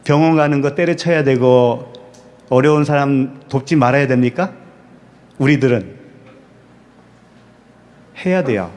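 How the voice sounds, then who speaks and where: A man's voice: medium pitch, measured pace, pauses often, darkish tone. A man preaching a sermon as pastor. He asks the congregation rhetorical questions, answers them himself, and repeats key words for emphasis.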